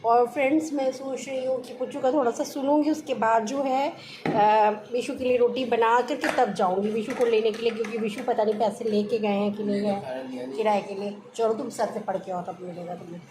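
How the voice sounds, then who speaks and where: A woman's voice: a little high, steady tone, normal speed, background noise. A middle-aged woman vlogging casually from home, homely and chatty, now and then lecturing. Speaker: family vlogger. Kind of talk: casual vlog chat.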